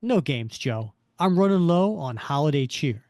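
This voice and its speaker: Man doing a sardonic young superhero, lively pitch, dry close sound. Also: moderate pace, no room sound. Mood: wisecracking. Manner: quippy, sardonic inner monologue. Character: wisecracking male superhero, young adult.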